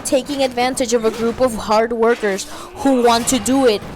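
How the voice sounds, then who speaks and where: A woman's voice: fairly high pitch, fairly even intonation, normal speed. Emphatic, profane woman streamer from Puerto Rico. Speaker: let's-play streamer. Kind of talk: casual chat over gameplay.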